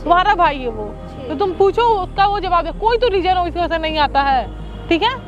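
A woman's voice: very high-pitched, expressive, brisk, lo-fi sound, faint music behind. A young woman hosting a staged street scene, questioning and scolding in a firm way. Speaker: host of a street social-experiment show. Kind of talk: scripted street drama. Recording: outdoor audio with faint noise.

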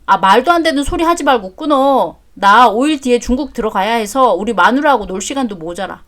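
A woman's voice: a little high, animated, brisk, a bit bright. A woman voicing an exasperated adult son who answers his mother curtly in a story drama. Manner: curt, exasperated. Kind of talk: story drama read aloud.

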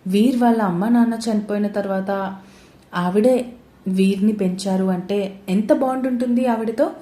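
A woman's voice: medium pitch, normal speed, warm tone, echoey room, lightly acted. A woman reading the part of a caring elder brother in a spoken romance story. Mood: gentle.

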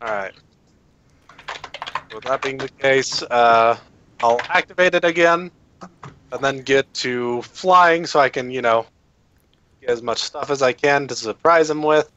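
A man's voice: medium pitch, measured pace, pauses often, sharp tone, dull audio. A man playing a tabletop game, chatting casually and thinking aloud in a hesitant way. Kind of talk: casual game-session chat.

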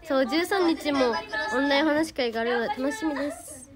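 A woman's voice: sits high, brisk, music in the background. A teenage girl from Hyogo with a Kansai accent, chatting casually on a livestream, reading out viewer comments and thanking fans by name. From Hyogo, Japan. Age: teens. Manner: bubbly, thanks viewers by name, refers to herself by name. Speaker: idol livestreamer.

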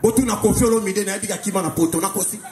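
A high-voiced Congolese comedian works a live crowd with animated stories, slipping between two languages and shouting out his punchlines. His voice bounces around a reverberant hall. Faint music plays under him. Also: racing. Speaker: stand-up comedian. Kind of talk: live stand-up storytelling.

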